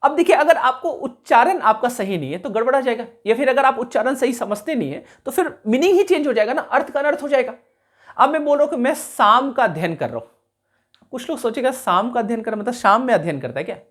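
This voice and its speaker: A man teaching a class, explaining carefully, repeating key sounds slowly and checking whether his students follow. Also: very high voice, lively intonation, fairly bright tone. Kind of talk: classroom lecture.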